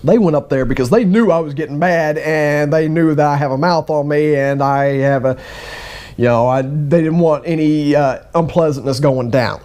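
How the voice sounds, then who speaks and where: A middle-aged man with a somewhat high-pitched voice tells a personal story in a loose, conversational way. He slips into the voices of the people in his story, moving quickly between narration and quoted dialogue. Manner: animated, acts out both sides of conversations. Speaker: vlogger. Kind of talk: casual storytelling.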